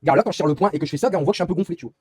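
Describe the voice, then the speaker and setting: A young man chats on a live stream while playing a racing game, talking at a breakneck pace and swearing freely as he rambles through his complaints. His voice is husky and mellow, and the recording is close and dry. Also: on the high side, racing, no echo. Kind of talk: casual live-stream chat while gaming.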